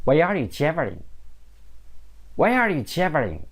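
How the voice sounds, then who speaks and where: Very slow male English tutor. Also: a little high, huge pitch swings, breathy edge. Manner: says each phrase then repeats it slowly. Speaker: spoken English teacher. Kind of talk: slow drilled language lesson.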